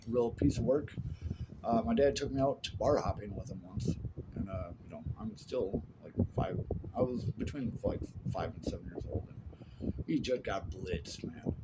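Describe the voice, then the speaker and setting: A man talks casually to camera about his life, bluntly and with plenty of swearing. His voice rises and falls a lot as he talks. He leans on fillers and quick asides. A loud, steady noise sits under the whole recording. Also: mid-range voice. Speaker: vlogger telling his life story. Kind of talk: casual storytelling monologue.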